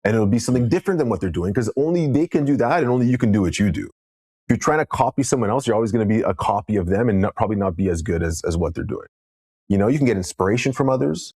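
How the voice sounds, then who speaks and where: Man, podcast guest, low voice, rapid delivery, earnest coaching manner, casual storytelling. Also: lively intonation, a little mellow, slightly rough, dry recording, studio quality.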